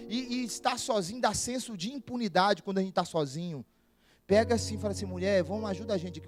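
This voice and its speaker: A young man with a Brazilian accent, preaching a sermon in church, telling stories in a lively, joking way and laughing often. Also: very high-pitched. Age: young adult. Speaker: pastor. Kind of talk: humorous storytelling sermon. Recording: music playing behind the voice.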